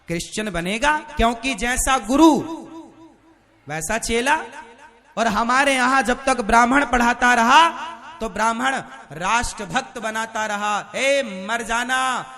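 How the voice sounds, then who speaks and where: A man's voice: extremely high pitch, pushed and bright. A man preaching a fiery sermon to a live gathering, keeps asking the crowd for answers. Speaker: spiritual preacher.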